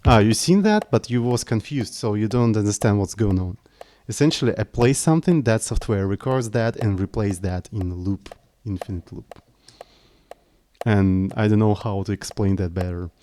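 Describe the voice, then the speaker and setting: There's a little background noise behind the man's fairly low, mellow voice, which moves at normal speed. In a laid-back coding stream he explains his code in non-native English, haltingly and with apology, restarting frequently.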